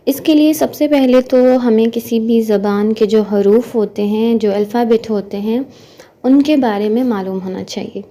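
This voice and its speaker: A woman's voice: on the high side, steady tone, normal speed, mellow. A woman with an Urdu-speaking accent teaching an online language lesson, explaining sounds patiently step by step. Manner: patient, explains step by step, often checks with "theek hai".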